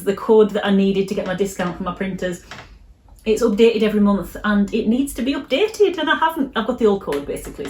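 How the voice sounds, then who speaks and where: A woman illustrator talking casually to camera in her vlog, gentle and reassuring, often restarting her sentences. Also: medium pitch, a little hiss or hum. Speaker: illustrator vlogger. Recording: roomy echo.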